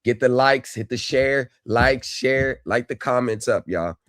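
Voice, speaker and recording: A man's voice: mid-range voice, measured pace, a bit bright, no echo. Man on dry livestream headset audio. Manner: chatty, addresses viewers directly. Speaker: livestream host reviewing court videos. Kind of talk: casual live commentary to chat.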